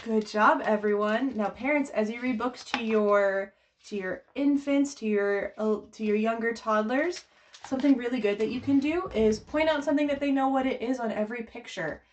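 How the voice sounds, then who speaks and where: At a moderate pace and with a slightly high voice, a woman working as a children's librarian leads storytime for babies. She reads a picture book in a sing-song way and coaches little ones and their parents in simple, encouraging, exclamatory speech.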